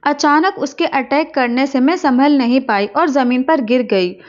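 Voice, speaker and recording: Brief: young woman narrator, high voice, playful teasing tone, dull lo-fi recording. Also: a little slow. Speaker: storyteller. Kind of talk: first-person story narration.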